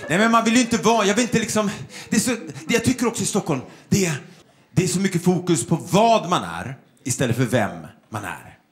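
A man performing a stand-up comedy routine on stage, telling stories and mimicking people in quick bursts, with audience laughter behind him. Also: high voice, sing-song. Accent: Swedish. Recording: live show with loud crowd.

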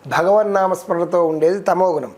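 A man, a devotional guest explaining worship rules in a steady, teacherly way, listing terms one by one. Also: sits high, normal speed. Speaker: devotional guest speaker on ritual. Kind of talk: explanatory interview talk.

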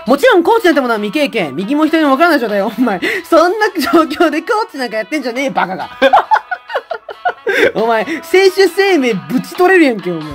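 A woman streaming a game in casual commentary, loud and laughing a lot, with rough boyish talk. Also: high-pitched.

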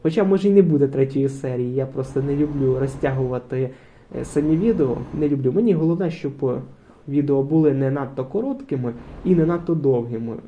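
A man's voice: medium pitch, fairly quick, muffled recording, a little hiss or hum. A man hosting a truck game playthrough, rambling in casual commentary with many fillers. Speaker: gaming channel host. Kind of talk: casual let's-play commentary.

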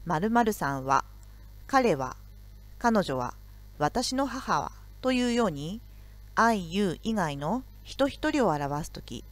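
A woman teacher giving a recorded video lesson, explaining grammar slowly and carefully. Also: medium pitch, very animated.

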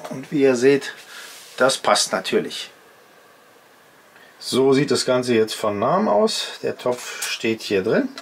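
Slow and breathy-edged, with vocal fry, lively intonation, and long pauses, a mid-range male voice belongs to an outdoor gear host in his fifties. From his home workshop workbench, he casually chats to viewers while explaining each step he demonstrates.

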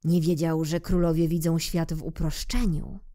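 A woman narrating a children's storybook in a calm, unhurried reading voice. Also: low voice. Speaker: audiobook reader.

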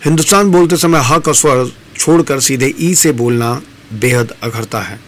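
A man presenting a campus radio lesson on pronunciation, talking in a measured, explanatory way and stressing each example word. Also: medium pitch, fairly bright tone. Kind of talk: instructional talk on pronunciation.

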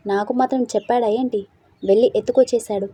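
A woman's voice: a little high, fairly even intonation, fast talker, mellow, breathy edge. A woman voicing an easygoing, talkative young man who teases and chats in a storybook reading. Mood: chatty. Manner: teasing, chatty.

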